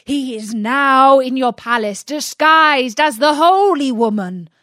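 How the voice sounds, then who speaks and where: A woman voicing a furious male genie who shouts in outrage at his master. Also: high voice, lively intonation, slow pace, no room sound, studio quality, pitched above the performer's own voice, full character voice. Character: furious shrieking male genie, enslaved spirit.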